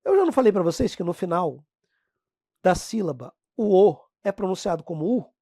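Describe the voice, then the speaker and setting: A Brazilian woman teaching a grammar lesson, talking straight to her class and drawing out example words slowly. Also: fairly low pitch, slightly rough, no echo, clean studio sound. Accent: Brazilian Portuguese. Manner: lively, talks to the class as "pessoal", drags out example words slowly. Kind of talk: classroom lesson explaining phonetics.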